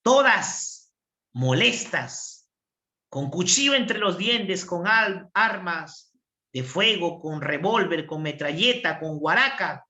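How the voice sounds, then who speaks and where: A man teaching anatomy in an online class, animated and storytelling, often asking if everyone follows. His voice is a little high and bright, with a roomy echo. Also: slow. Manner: animated, checks understanding.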